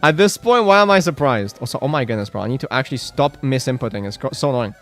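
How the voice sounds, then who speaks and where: A man's voice: mid-range voice, expressive, fast, fairly bright tone, faint music behind. A man chatting casually on a live game stream, rambling with lots of filler words and reacting to chat.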